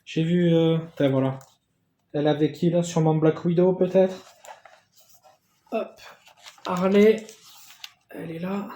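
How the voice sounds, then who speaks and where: A man in a casual unboxing vlog who gets excitable, swears casually and thanks the sender again and again. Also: fairly high pitch, a little slow, pauses often, echoey room. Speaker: YouTuber opening a gift parcel.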